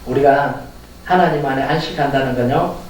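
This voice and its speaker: A male pastor preaching a Sunday sermon with animated delivery, chuckling and posing questions to the congregation in a church sanctuary. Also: medium pitch, normal speed, a little hiss or hum. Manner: animated, talks straight to the congregation with rhetorical questions; chuckles through his points. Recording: echoey hall heard from a distance.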